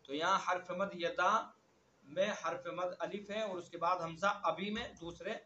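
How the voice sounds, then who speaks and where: Male recitation teacher, high bright voice, slow chanted verses, drills words by repeating them, dull lo-fi recording. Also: fairly even intonation, reverberant, slight background noise. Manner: slow drawn-out recitation of verses between quick explanations. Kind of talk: online tajweed lesson.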